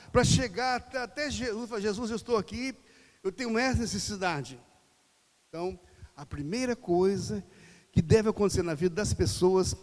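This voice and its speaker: A man preaching a sermon in Brazilian Portuguese, conversational, firing off rhetorical questions and acting out voices. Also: sits high. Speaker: pastor. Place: church hall. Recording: reverberant church hall.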